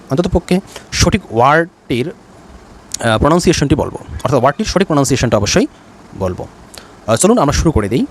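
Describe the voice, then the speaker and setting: A man from Bangladesh with a Bangladeshi English accent, teaching a pronunciation lesson by slowly saying words one at a time and repeating each. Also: on the high side, a little hiss or hum, low-quality recording.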